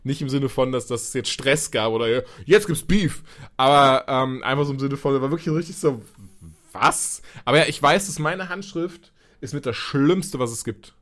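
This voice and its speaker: A young man chatting casually as a podcast host, animated and quick to act out what people said, with casual swearing. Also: mid-range voice. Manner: animated, swears casually, acts out quoted exchanges. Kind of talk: casual chat.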